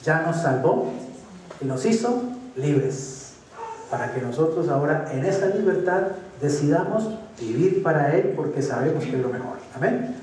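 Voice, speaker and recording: A man's voice: on the high side, animated, moderate pace, darkish tone, a little hiss or hum. A man with a Colombian accent preaching a conversational sermon, often checking that his listeners follow. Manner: conversational, asks for assent, acts out voices. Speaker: pastor. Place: church hall. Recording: echoey hall, distant mic.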